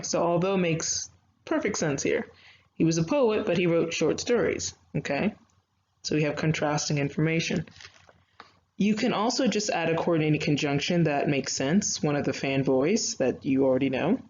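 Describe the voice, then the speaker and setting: A woman teacher gives an online writing lecture, walking through grammar step by step with chatty asides and fillers. Her voice is low with a darkish tone. The audio is slightly dull and lo-fi, with faint noise.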